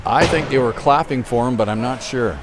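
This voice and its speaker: A man giving casual, joking play-by-play commentary on a hockey game, quick to follow the action. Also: mid-range voice, background noise.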